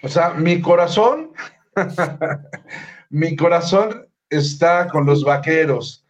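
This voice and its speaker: A Mexican man with a fairly high voice gives relaxed picks on a live football show. He hedges as he talks, leaning on "o sea" and "la verdad es que". The stream audio sounds a little dull and muffled. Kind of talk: casual sports analysis.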